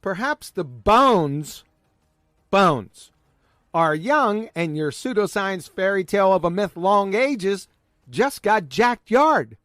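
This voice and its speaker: A man's voice: high voice, lively intonation, a little slow, fairly bright tone. A man giving mocking commentary on clips in a smug, sarcastic manner. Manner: smug, sarcastic mockery with name-calling. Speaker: video commentator.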